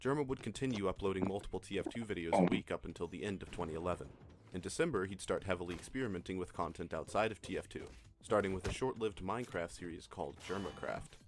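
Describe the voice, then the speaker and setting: A man narrating a scripted video essay in a measured storytelling manner. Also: low-pitched. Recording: narration over clear background music.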